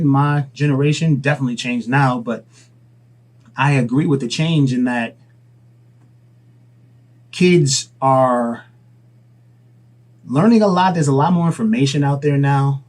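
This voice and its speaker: A man's voice: mid-range voice, darkish tone. A young adult man, a father and vlogger, giving casual advice in an earnest, rambling way. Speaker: dad vlogger and entrepreneur.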